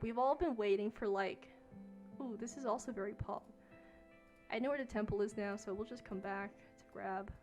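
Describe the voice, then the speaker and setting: A young woman streamer telling a story casually while she plays a game, talking in a chatty way with lots of fillers. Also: fairly high pitch.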